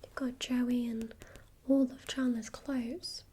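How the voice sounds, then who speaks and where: A helpful female librarian, acted by a woman speaks in whispered role-play, a gentle and breathy library whisper. Her delivery is very unhurried and mellow, with faint noise behind it. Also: fairly high pitch, little pitch movement. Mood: gentle, hushed. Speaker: ASMR performer.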